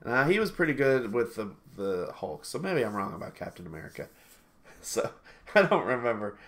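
Very animated and fairly bright, this man's medium-pitched voice moves at a moderate pace. He's a game reviewer co-host in his thirties, sniffling from allergies while talking casually through a headset on a video call from a small home room. He rambles, keeps correcting himself and laughs readily.

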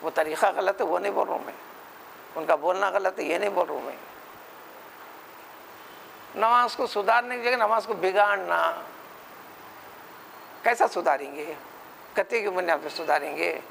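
A man's voice: high voice, moderate pace, creaky, pauses often, pushed and bright, slight background noise, rough recording. A man giving a religious lecture with a Hyderabadi accent, teaching in an emphatic, rhetorical way and often mimicking other people's words. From India. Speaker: Quran scholar.

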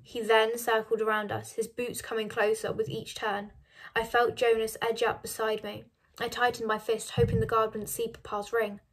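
A woman's voice: a little high, little pitch movement, normal speed. Woman reading a novel aloud. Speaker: reader of a novel.

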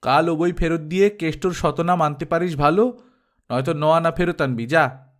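A man's voice: fairly high pitch, sing-song, moderate pace. A man putting on a scolding old village aunt. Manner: sharp, scolding.

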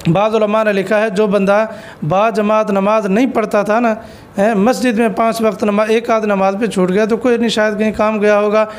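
A man's voice: sits high, little pitch movement, moderate pace. A man who is an Islamic cleric, answering an interview question with an earnest, exhortative sermon and stories.

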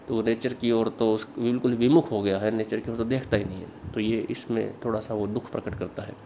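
Indian male tutor, mid-pitched voice, slow bilingual explanation, faint hiss behind. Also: a little mellow. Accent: Indian English. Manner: reads English lines slowly, then explains them in Hindi. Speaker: literature teacher. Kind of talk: exam-prep lecture.

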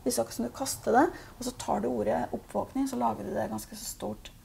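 A woman gives a spiritual reading in a calm, halting way. Her voice is very gravelly and husky, with a dark, mellow tone and a slightly high pitch. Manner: calm, halting, with many fillers. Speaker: intuitive reader.

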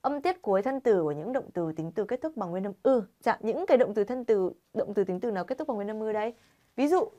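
A woman's voice: fairly high pitch, a little mellow. A woman teaching a Korean grammar lesson to learners, constantly quizzing viewers with rhetorical questions.

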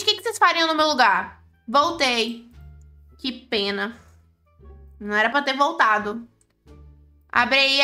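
Brazilian woman hosting a gaming channel, high bright voice, chatty and exclaiming, faint music under her. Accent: Brazilian Portuguese. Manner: chatty, exclaiming, talks to viewers. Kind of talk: casual gameplay commentary.

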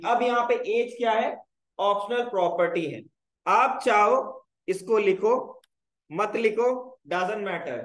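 A man's voice: sits high, reverberant, low-quality recording. A man teaching a live programming class, explaining step by step and often checking whether his students follow. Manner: explains step by step, checks in with repeated "clear, brother?". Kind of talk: live coding class tutorial.

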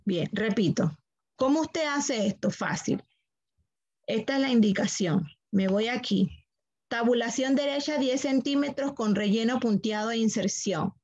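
A woman's voice: fairly high pitch, unhurried, darkish tone, no echo, highs cut off. A woman teaching a computer class online, walking students through steps patiently, repeating them and checking that they follow.

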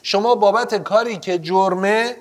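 A man's voice: high voice, lightly acted. A man playing a stern lecturing judge. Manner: firm, lecturing, repeats orders. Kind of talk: courtroom TV drama.

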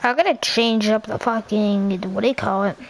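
A woman's voice: mid-range voice, normal speed, low-quality recording. A woman hosting a small channel, rambling in casual chat, swearing often and groping for words. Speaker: channel host. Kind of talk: casual chat while texting.

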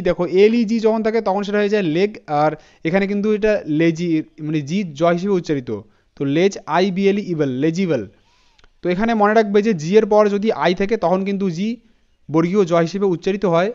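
A man teaching English pronunciation in a spoken lesson, spelling words out letter by letter and repeating each one slowly, often checking in with his students. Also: high-pitched, a little mellow, clear, resonant tone, dull audio. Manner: addresses students directly with frequent "thik ache" checks.

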